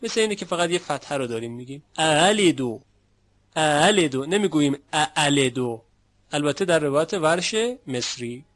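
A man's voice: fairly high pitch, lively intonation. Man with a raised voice teaching recitation. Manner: explains patiently, slowing to demonstrate pronunciations. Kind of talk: classroom lecture.

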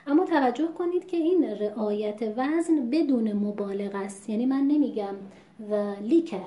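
A woman teaching Quran recitation in a measured, patient lesson, stopping to sound out words as examples. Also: a little high, expressive, lo-fi sound. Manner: measured, patient, demonstrates pronunciations aloud. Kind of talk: explanatory lesson. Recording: echoey room.

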